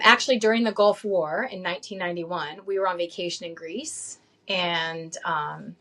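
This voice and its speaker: A woman in her late forties with a lowish, sharp-toned voice is a guest in a casual interview, telling her story with lots of laughs, ums and restarts. She's from upstate New York and grew up in Saudi Arabia.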